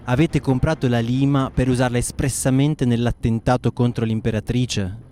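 An actor playing a stern male magistrate asking brisk, probing questions in a historical radio drama. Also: mid-range voice, steady tone, mellow, slight background noise, close to an everyday voice.

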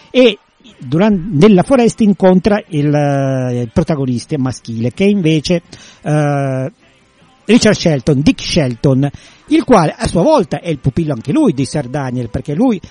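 Husky mellow-voiced guy hosting a book talk, halting, lots of ums. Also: fairly high pitch, dry recording. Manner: hesitant, many fillers and restarts. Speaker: host. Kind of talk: radio literature talk.

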